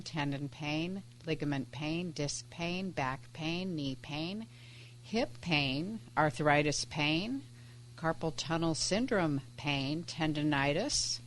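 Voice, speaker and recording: A woman co-hosting a radio show, upbeat, reading out phone numbers and web addresses slowly and clearly. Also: deep voice, slight background noise. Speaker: radio co-host. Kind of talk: radio program reads and chat. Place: radio studio.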